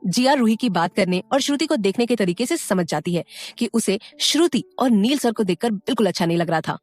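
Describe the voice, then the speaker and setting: A woman's voice: mid-range voice, expressive, brisk, darkish tone, no echo, soft background music. A woman narrating a scripted audio story, with friendly asides to the listener.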